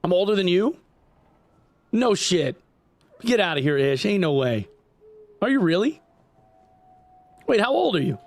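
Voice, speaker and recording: This upstate New York gaming streamer, a man in his forties, has a high voice with big pitch swings, speaking at a measured pace with long pauses. He rambles casually and profanely to his livestream audience as he plays, full of "like" and "dude," on a dry recording.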